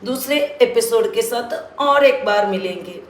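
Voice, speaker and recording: A woman's voice: fairly high pitch, unhurried, roomy sound. A woman from South India with a South Indian accent, teaching children a Hindi grammar lesson patiently, repeating and drilling sounds and mixing in English words.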